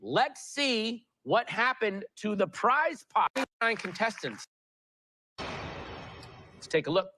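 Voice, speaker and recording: A man's voice: high voice, very animated, slow pace, long pauses, sharp tone, dry recording. A man hosting a television quiz show, reading questions and teasing contestants playfully. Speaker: game show host.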